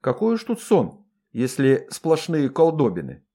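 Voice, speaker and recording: A man voicing a fawning female dwarf servant who wails and pleads in a high voice. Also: huge pitch swings, unhurried, warm tone, full character voice. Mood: wailing. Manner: high wailing lament.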